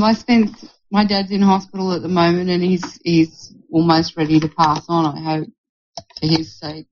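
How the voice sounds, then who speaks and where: A woman's voice: on the low side, a little mellow. A woman in a group meeting telling a personal story in a candid way, with laughter along the way, on a muffled recording. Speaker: group participant.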